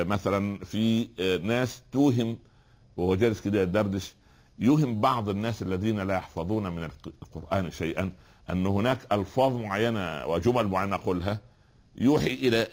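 Egyptian guy teaching a religion class, deep voice, talks fast, keeps asking what comes next and answering himself. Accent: Egyptian Arabic. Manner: explaining with rhetorical questions and repeated examples. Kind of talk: spoken lesson on Quran recitation.

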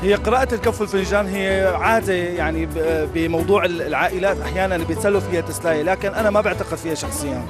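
A man answers a street interview, hesitating now and then. His voice is high and his pace very fast. Music plays clearly behind him. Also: steady tone.

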